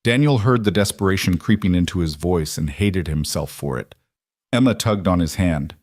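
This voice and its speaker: A man doing steady, dramatic scripted narration of a story. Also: low-pitched, moderate pace, dry recording, studio quality.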